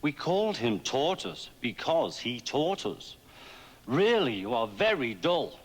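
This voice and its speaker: An actor voicing a morose, pompous storybook turtle reminiscing in a doleful manner. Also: male voice, mid-range voice, big pitch swings, slow pace. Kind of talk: dramatized children's story album. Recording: long reverberant echo.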